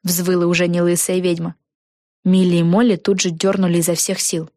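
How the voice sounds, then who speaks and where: A woman narrating a children's storybook in an even, clear manner. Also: fairly low pitch, a little fast, dry recording, clean studio sound.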